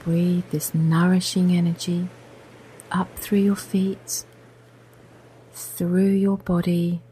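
Slow, whispery low-voiced woman guide. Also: flat delivery, a little hiss or hum, low-quality recording. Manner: soft, slow, often whispered. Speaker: meditation guide. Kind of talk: guided meditation.

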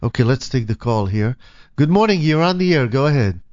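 A man hosting a radio talk show, easygoing and quick with short affirmations. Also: mid-range voice, animated, darkish tone, no echo, muffled recording.

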